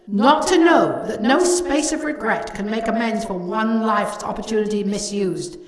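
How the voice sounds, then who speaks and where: Lady doing a gloomy ghost, slow and grave, booming echo from far off. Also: expressive. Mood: solemn. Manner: solemn, slow and declaiming. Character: ghost of a dead old businessman, grave and mournful. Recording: heavy echo, distant from the mic.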